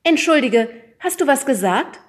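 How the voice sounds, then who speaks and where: A woman voicing a brisk, questioning female school headmistress in a children's story. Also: sits high, lively intonation, voice pushed up.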